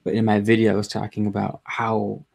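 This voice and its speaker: A man hosting a casual livestream, chatting to viewers in a subdued, low-energy, rambling way with halting self-interruptions. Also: monotone, gravelly, a little mellow. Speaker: livestream host. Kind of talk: casual live chat to viewers.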